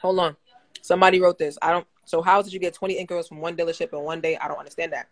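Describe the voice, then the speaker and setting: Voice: mid-range voice, little pitch movement, very fast. A co-host in a casual chat, making crude, joking comparisons.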